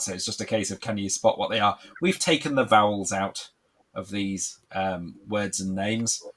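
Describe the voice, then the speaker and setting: A man's voice: lowish voice, fairly bright tone, husky, rough recording. A man co-hosting a casual live quiz lesson as a tutor, light-hearted and encouraging.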